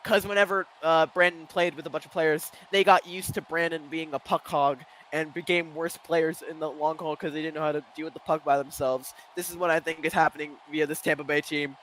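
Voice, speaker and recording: A man doing live play-by-play commentary with a high, bright, forceful voice. He fires off calls in quick bursts and erupts at big moments. Faint background noise sits under the voice. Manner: excitable, rapid-fire calls with loud bursts.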